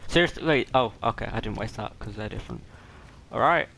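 A man's voice: fairly low pitch, animated, a little fast, gravelly. A young man casually commenting while playing a video game, rambling and thinking aloud. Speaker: gamer. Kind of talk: casual let's play commentary. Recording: loud background noise.

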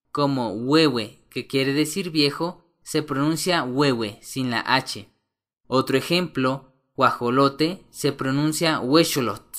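A man's voice: fairly high pitch, a bit bright. A man teaching a language lesson, carefully pronouncing words and giving their meanings one by one. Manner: slow, careful enunciation of vocabulary. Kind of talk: slow, deliberate language lesson.

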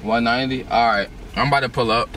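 A man's voice: medium pitch, steady tone, fast talker, a bit bright. A young adult man chatting casually and rambling in slang as a prankster customer at a drive-through, recorded inside a car. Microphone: handheld camera in the car. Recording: noisy car interior.

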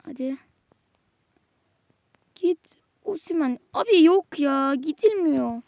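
A woman's voice: high voice, expressive, slow, gravelly, darkish tone, no echo. A woman giving exasperated live commentary while playing a football video game, muttering to herself and snapping at the game. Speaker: gamer.

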